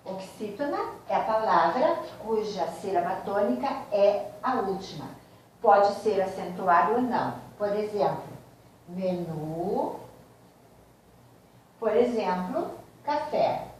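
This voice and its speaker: A woman teacher, giving a slow, explanatory grammar lesson and speaking directly to her students. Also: medium pitch, lively intonation, far from the mic, slight background noise. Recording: very echoey room, voice from off mic.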